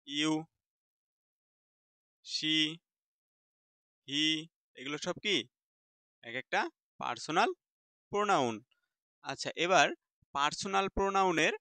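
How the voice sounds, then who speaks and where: A man's voice: on the high side, pushed and bright, dry recording. A man teaching English grammar in Bengali, asking questions and answering them himself, repeating key terms. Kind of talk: classroom lesson in Bengali.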